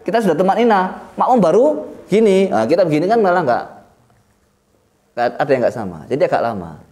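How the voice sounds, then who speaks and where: An Indonesian man with a slightly high, darkish-toned voice teaches at an Islamic study session. His religious lecture mixes Arabic recitation with joking explanation.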